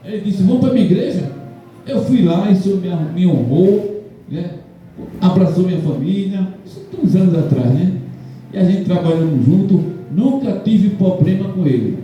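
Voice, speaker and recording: Chatty Brazilian pastor in an echoey hall. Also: male voice, high-pitched, animated, moderate pace, muffled recording, slight background noise. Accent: Brazilian Portuguese. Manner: jokey, chatty, laughs often. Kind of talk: casual church talk. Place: church hall. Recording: echoey hall, mic from far off.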